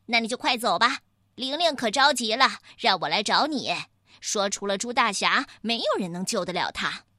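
A woman voicing a cheeky young monkey who teases and talks fast, in a children's story. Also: a little high, lively intonation, sharp tone, dry recording, studio quality. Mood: teasing. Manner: fast, teasing.

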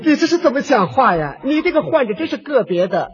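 A man's voice: very high-pitched, big pitch swings, fast, dull audio, a faint crowd, slight background noise. A man in a comic crosstalk act imitating a haughty teenage female nurse who speaks Beijing speech with a southern tinge, scolding and threatening the patient.

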